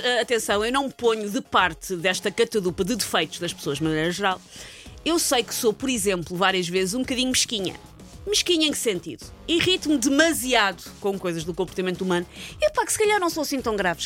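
A woman's voice: fairly high pitch, sing-song, fast, a bit bright, faint music behind. A woman host with a European Portuguese accent, ranting sarcastically in comic chat-show banter.

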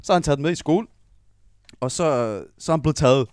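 A man co-hosting a podcast who asks his friends questions and tells a story at a measured pace. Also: on the high side, darkish tone, no echo, clean studio sound. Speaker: podcast co-host. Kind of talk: casual chat.

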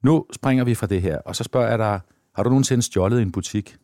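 A man calmly asking questions as host of an interview. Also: fairly low pitch, dry recording, clean studio sound. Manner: calm, plain questioning. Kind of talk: relaxed interview.

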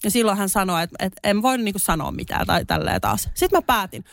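A young woman with a Finnish accent, mixing in English words, co-hosting a podcast and telling a story in casual chat, her voice jumping high when she gets indignant. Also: wildly swooping pitch, gravelly, a bit bright, dry recording, studio quality. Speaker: podcast co-host.

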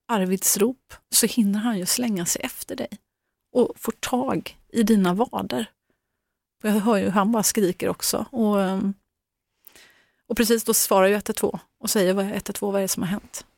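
Halting middle-aged swedish mother. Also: medium pitch, creaky, dry recording, clean studio sound. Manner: halting, many fillers and restarts. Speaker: guest, mother. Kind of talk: emotional personal account.

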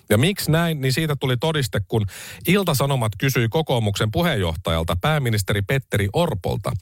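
A man hosts a satirical podcast monologue in a mocking, casual tone. His pitch jumps around a lot as he talks. The recording is dry and close, with no room sound. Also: no room sound. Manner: sarcastic, mocking, conversational. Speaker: podcast host.

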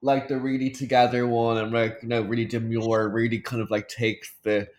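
An Irish man co-hosts a chat podcast with a playful, giggly delivery and casual swearing. His voice sits at a plain middle pitch for a man. He keeps things loose and teasing. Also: flat delivery, normal speed. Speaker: podcast co-host.

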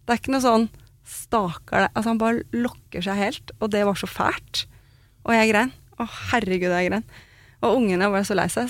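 Woman chatting candidly, blunt, swears a bit, mid pitch, dry close sound. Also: dry recording. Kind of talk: casual chat.

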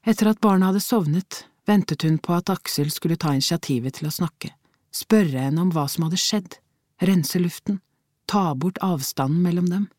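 Low, husky Norwegian woman narrating. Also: darkish tone, no room sound, studio quality. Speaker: audiobook narrator. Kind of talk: audiobook narration.

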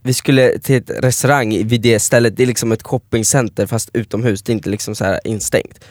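A man's voice: medium pitch, dry recording, clean studio sound. A young man, co-hosting a casual podcast and telling a story with lots of laughter and acted-out quotes. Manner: animated storyteller, laughs often, acts out quotes. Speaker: podcast co-host.

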